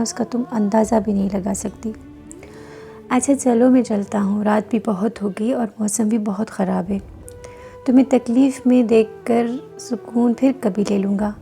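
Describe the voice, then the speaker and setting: A woman's voice: fairly high pitch, gravelly, dark tone. A woman voicing a cruel young husband who taunts his wife with sweet words that carry menace. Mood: taunting. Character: cruel, mocking young husband, coldly teasing.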